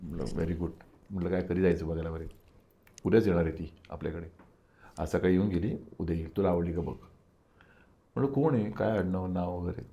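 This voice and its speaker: Older man telling a lively story. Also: deep voice, quick pace, creaky, pauses often, lo-fi sound. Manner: animated storytelling, acting out quoted dialogue. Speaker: interview guest.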